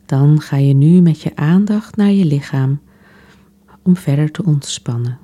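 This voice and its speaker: A woman softly guiding a relaxation exercise in a soothing, unhurried way, with long pauses between phrases. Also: sits low. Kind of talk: guided relaxation meditation.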